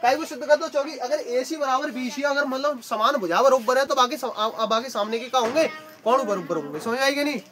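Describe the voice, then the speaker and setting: High-pitched woman drilling students in a noisy classroom. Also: quick pace, a crowd in the background. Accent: Western Uttar Pradesh Hindi dialect. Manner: repetitive call-and-response questioning in a rural dialect. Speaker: math teacher. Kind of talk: classroom tutoring lesson. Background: students chattering.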